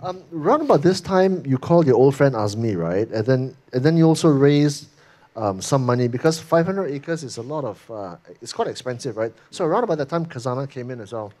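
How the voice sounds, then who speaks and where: A man's voice: mid-range voice, lively intonation, brisk, darkish tone. A man interviewing a guest on a hall stage with a handheld mic, prompting with questions that end in "right?". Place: hall stage, seated in armchair.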